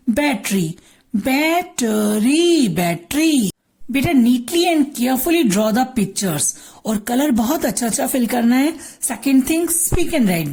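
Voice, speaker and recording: An Indian woman teacher patiently gives young children a drawing and Hindi lesson, repeating words and switching between Hindi and English. Her voice is high-pitched with a darkish tone.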